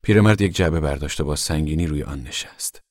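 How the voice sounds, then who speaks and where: A man giving measured, solemn scripted narration of a novel for a radio drama. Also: rumbling low, a little mellow, no room sound, studio quality.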